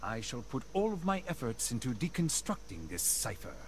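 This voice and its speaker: A man's voice: mid-range voice, sing-song, normal speed, a little hiss or hum, natural voice. A man voicing a creepy, devoted butler in a video game, speaking with formal deference. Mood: solemn deference.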